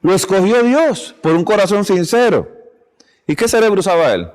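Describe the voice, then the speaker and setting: A man's voice: high-pitched, big pitch swings, normal speed, darkish tone. A man preaching at a church health seminar, telling stories with acted quotes and chuckling often. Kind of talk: sermon-style seminar talk. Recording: long hall reverb.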